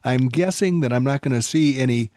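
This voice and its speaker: A man's voice: mid-range voice, fairly quick, mellow, no echo. A man hosting a podcast in casual chat, wordy, playful and self-deprecating, speaking close to the microphone. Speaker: podcast host.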